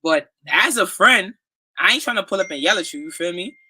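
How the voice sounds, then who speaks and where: Young rapper, bright tone. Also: male voice, high-pitched, expressive, a little fast, slightly rough, no echo, poor audio. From Brooklyn, New York. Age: young adult. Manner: keeps adding "you feel me". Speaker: guest rapper. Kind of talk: casual interview chat.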